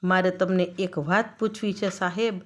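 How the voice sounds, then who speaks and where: A woman's voice: on the low side, fairly even intonation, moderate pace, close to an everyday voice. A woman voicing a desperate, starving young village man who begs and pleads. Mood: timid. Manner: pleading and begging.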